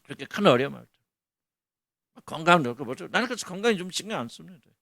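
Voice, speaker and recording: A middle-aged male pastor gives a colloquial sermon full of rhetorical questions. His voice sits a little high and swings widely in pitch, with a gravelly rasp. The sound is close and dry, with no room echo. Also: big pitch swings, fast, bright, forceful tone.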